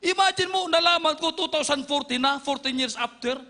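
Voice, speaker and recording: Very high, bright-voiced man testifying in a hall. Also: brisk. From Philippines. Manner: dramatic storytelling with sound effects and shouts of praise. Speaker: church member giving testimony. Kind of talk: animated church testimony. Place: church hall. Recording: reverberant hall.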